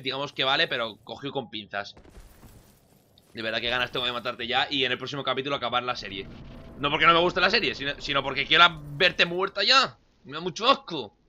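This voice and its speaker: A young man from giving casual let's-play commentary, excitable and swinging between loud outbursts and muttering. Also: medium pitch. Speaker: gameplay commentator.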